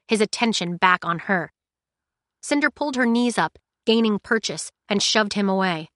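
Woman, audiobook narration, steady measured reading, mid-pitched, close mic, dry studio. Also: dry recording.

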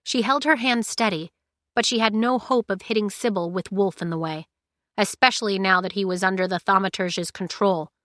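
Audiobook narrator: woman, medium pitch, measured and steady, dead-dry booth sound. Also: no room sound.

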